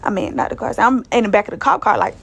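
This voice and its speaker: A woman's voice: medium pitch, very fast, gravelly, breathy edge. A woman, casually telling a personal story in a loose, slangy, profane way. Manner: loose, profane, slangy retelling that acts out others' lines.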